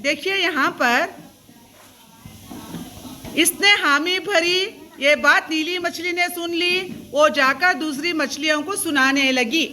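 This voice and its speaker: A woman's voice: extremely high pitch, sharp tone. A woman schoolteacher gives a classroom lesson to young pupils. She keeps asking questions, has the class repeat terms back, and mixes English terms into her speech.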